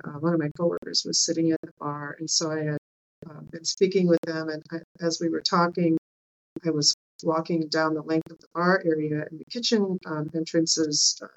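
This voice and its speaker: A woman's voice: low-pitched, dull audio. A woman interview guest casually telling personal stories in a hesitant, loose way.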